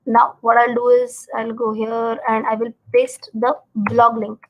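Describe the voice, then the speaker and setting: A woman's voice: on the high side, level tone, unhurried, highs cut off, a little hiss or hum. A woman with an Indian accent explaining informally on a live stream like a teacher, repeating words for emphasis and checking that listeners follow. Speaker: finance educator hosting a live market explainer.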